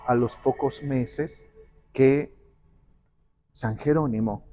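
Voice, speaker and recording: A man telling a saint's life in conversation, acting out the quoted dialogue with lively shifts. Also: medium pitch, takes it slowly. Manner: animated, acts out quoted dialogue. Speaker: guest speaker on the parish patron saint. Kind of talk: conversational storytelling.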